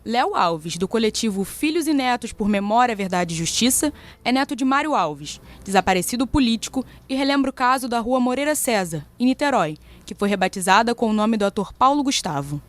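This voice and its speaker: A woman's voice: on the high side, expressive, brisk. A Brazilian woman giving earnest scripted narration for a podcast.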